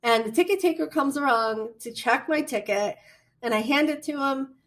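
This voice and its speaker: A woman with a Midwestern American accent giving a recorded college lecture, chatty and animated, with storytelling asides. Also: high-pitched, moderate pace. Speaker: college communication instructor.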